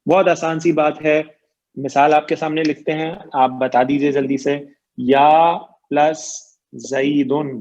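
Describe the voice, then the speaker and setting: A man's voice: on the high side, little pitch movement, darkish tone. Guy teaching grammar online, patient, keeps asking the class questions, muffled audio. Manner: explains patiently, asks students questions and repeats points.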